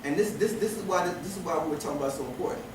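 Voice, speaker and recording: Racing along in a fairly high voice, a man lectures his class, repeating and restarting phrases and asking rhetorical questions. The recording carries echo and noise from a distance.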